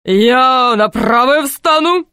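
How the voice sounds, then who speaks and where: A woman's voice: sits high, expressive, slow, sharp tone, clear, resonant tone, no room sound, clean studio sound, voice pushed up, heavily acted. A woman voicing a pompous, boastful middle-aged knight, a marquis, who speaks in a grand, self-important way.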